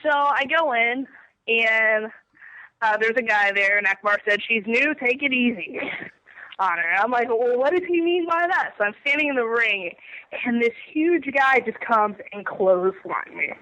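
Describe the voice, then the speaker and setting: A woman's voice: a little high, a little slow, pushed and bright, no echo, low-quality recording. A woman in her twenties, a wrestler being interviewed, telling a story animatedly and laughing often while under the weather. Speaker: guest wrestler.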